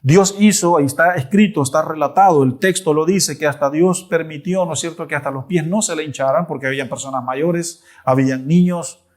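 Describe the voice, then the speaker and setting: Animated preacher with a higher voice. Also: male voice, brisk, few pauses. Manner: animated storytelling with repeated asides. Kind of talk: Bible study sermon.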